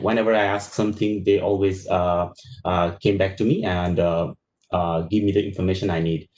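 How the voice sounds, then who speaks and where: A man introduces himself as a master's student, restarting words and pausing often. His voice sits somewhat low. The video call audio is dull and muffled. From Bangladesh. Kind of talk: panel self-introduction.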